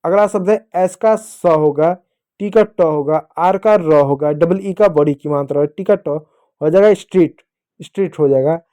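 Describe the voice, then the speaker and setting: A man's voice: fairly high pitch, normal speed, dark tone. A man teaching children to spell English words letter by letter, repeating each answer. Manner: addresses the class as children. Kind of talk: spelling lesson for kids.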